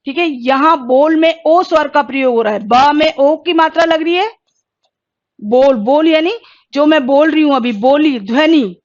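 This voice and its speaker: A woman teaching a Hindi exam-prep lesson, asking questions and then answering them herself, and sounding out each vowel slowly. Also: high-pitched, dull audio. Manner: slow, careful pronunciation drills.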